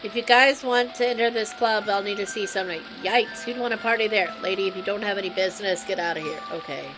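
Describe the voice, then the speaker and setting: A woman's voice: mid-range voice, quick pace, over music. A woman streamer chatting wryly to her viewers as she plays a game live. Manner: chatty, wry asides to viewers.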